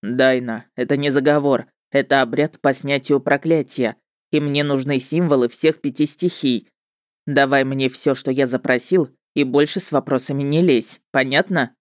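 Lady reader doing a cocky witcher guy, low and gruff, curt and offhand, dry close sound. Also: fairly even intonation, moderate pace, dry recording. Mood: brusque. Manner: curt, dismissive, matter-of-fact. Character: brash, cocky male witcher, businesslike and sly.

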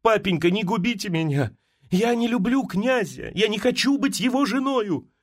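A man's voice: on the high side, animated, moderate pace. A man reading an audiobook, voicing a frightened young noblewoman who pleads with her father in a raised, tearful voice. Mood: pleading.

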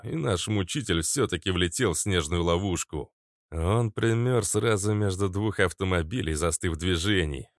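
A man narrating an adventure audiobook in the first person, steady and even, on a close studio mic. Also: deep voice, no room sound.

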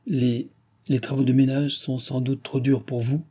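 A man voicing a fretful, hesitant old spinster who speaks haltingly. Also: medium pitch, flat delivery, mellow, slightly rough, voice pushed up, lightly acted.

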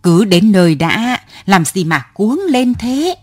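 A woman's voice: fairly low pitch, expressive, normal speed, husky, no room sound, studio quality. A woman voicing a stubborn passenger in her seventies who answers curtly and refuses to get off, in a storybook reading. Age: 70s. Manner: curt, stubborn. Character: stubborn elderly woman passenger, curt and unruffled.

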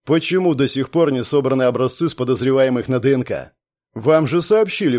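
A man voicing a domineering middle-aged police colonel who talks forcefully and browbeats. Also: mid-range voice, close to an everyday voice. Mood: commanding.

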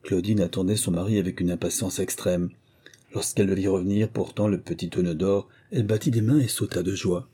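A man narrating a fairy tale as an audiobook in a measured storytelling voice. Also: low voice, steady tone, mellow, slightly rough.

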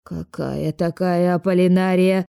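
A woman voicing a suspicious, combative old female neighbor, gruff and slow. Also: medium pitch, darkish tone, dry recording, studio quality.

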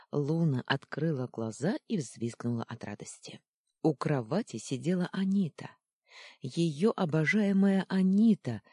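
An audiobook narrator reading a children's fantasy story with expressive, lively storytelling. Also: mid-range voice, breathy edge, no room sound, clean studio sound.

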